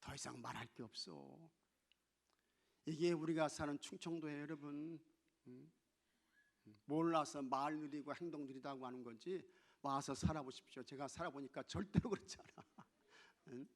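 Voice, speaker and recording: A man preaching a sermon as pastor, shifting from loud exclamations to hushed asides and playfully mimicking regional dialects. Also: a little high, normal speed, vocal fry. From not from Chungcheong. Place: church sanctuary.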